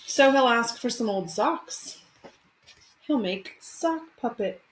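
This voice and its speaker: A woman's voice: on the high side, lively intonation, takes it slowly, poor audio. Woman teacher, faint background noise. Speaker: elementary school teacher. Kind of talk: reading a picture book aloud to children. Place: small room at home. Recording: home webcam recording with faint noise.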